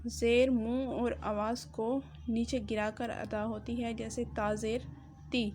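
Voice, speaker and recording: A woman teaching Quran reading, sounding out syllables in slow, emphatic drills. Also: a little high, level tone, background noise. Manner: drawn-out, emphatic pronunciation drills.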